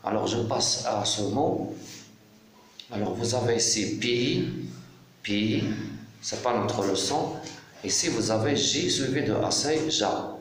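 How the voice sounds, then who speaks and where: A man teaching pronunciation to pupils, breaking words into syllables and repeating each one slowly. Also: medium pitch, animated. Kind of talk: French pronunciation lesson. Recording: echoey room, faint noise.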